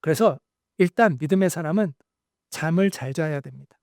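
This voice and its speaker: A male pastor preaching a sermon, telling stories with animated voices for the quoted lines. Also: on the high side, normal speed, creaky, no echo, clean studio sound.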